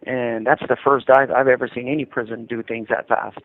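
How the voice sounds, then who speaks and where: An incarcerated American man in his fifties speaks from a prison telephone over a thin, narrow line, recounting his experiences in a casual phone interview. He explains things conversationally and often circles back to repeat a point. His medium-pitched voice is flat and fairly quick, with no echo.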